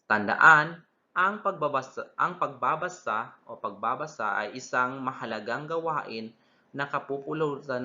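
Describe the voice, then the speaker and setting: Slow, bright-voiced young man teaching. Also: mid-range voice. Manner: deliberate, repeats terms, self-corrects mid-word. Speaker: student teacher. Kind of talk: recorded classroom lesson. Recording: dull lo-fi recording.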